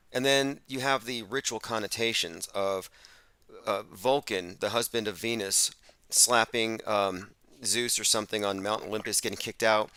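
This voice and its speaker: A male host in a casual conversation, explaining at length in an earnest tone. His voice is bright and forceful and sits a little low. The recording is dry and close. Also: no echo.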